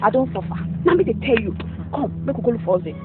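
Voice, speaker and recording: A woman's voice: fairly high pitch, sing-song, fast, very noisy. A woman with a Nigerian Pidgin accent plays a young woman who rants angrily and threatens her lover's new girl. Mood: angry ranting. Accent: Nigerian Pidgin English. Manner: heated, ranting, threatening. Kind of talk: film drama acting. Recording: tinny lo-fi audio with loud music.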